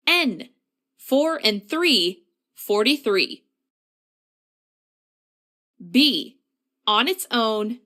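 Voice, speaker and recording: A woman working as a bingo caller, announcing numbers in set phrases with a deliberate, formulaic delivery. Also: on the high side, sharp tone.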